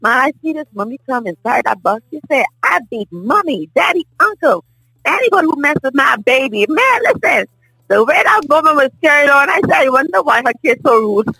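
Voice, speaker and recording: A middle-aged woman from the Bahamas with a Bahamian accent, a guest in a casual table conversation, telling stories in a lively way and often asking "you understand?". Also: high-pitched, fairly quick, gravelly, dry recording, low-quality recording. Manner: animated storyteller, often asks "you understand?".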